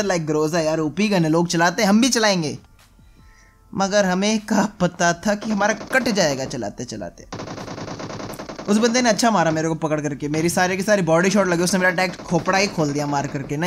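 A young man hosting a gaming channel, giving chatty, joking, self-mocking gameplay commentary. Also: high-pitched.

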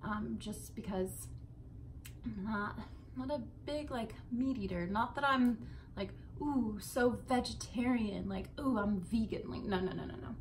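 A young adult woman vlogger chats casually to camera from her bedroom, rambling informally with swearing and side tangents. Her voice sits on the high side at a measured pace, and the rough recording carries slight background noise.

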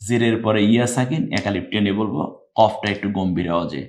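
A man teaching Quran recitation rules in Bengali-accented speech, explaining slowly and then chanting verses in long, louder phrases. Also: on the low side. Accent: Bangladeshi Bengali. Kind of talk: step-by-step recitation lesson.

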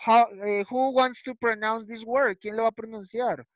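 A man's voice: very high-pitched, fairly even intonation, a little slow, dry recording, poor audio. A man teaching a first-grade English class over a video call, switching between Spanish and English, repeating words patiently and checking in with short tag questions. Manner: patient, repeats words, ends lines with ¿cierto? and ¿listo?. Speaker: primary school English teacher.

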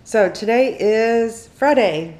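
A woman's voice: fairly high pitch, expressive, slow pace, darkish tone, echoey room. A middle-aged mother chatting casually on a family vlog, giggly and teasing. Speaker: mother riding along.

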